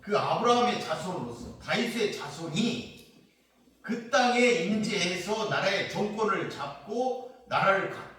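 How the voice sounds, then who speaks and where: A man's voice: sits high, animated, unhurried, fairly bright tone. A man preaching a sermon as pastor, explaining scripture passage by passage and voicing his listeners' mocking questions. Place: prayer retreat church. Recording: very echoey church hall, mic at a distance.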